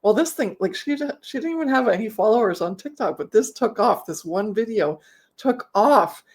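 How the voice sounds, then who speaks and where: A woman's voice: a little high, lively intonation, moderate pace. A middle-aged woman with a slight lisp from wearing a mouthguard, chatting casually and explaining with rambling, self-correcting examples as a business coach. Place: home office, on a video call.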